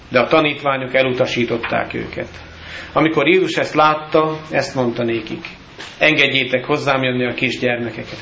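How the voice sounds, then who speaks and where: A male pastor giving a solemn, measured baptism sermon with scripture readings in a church. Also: medium pitch, gravelly, sharp tone, reverberant, lo-fi sound, a little hiss or hum.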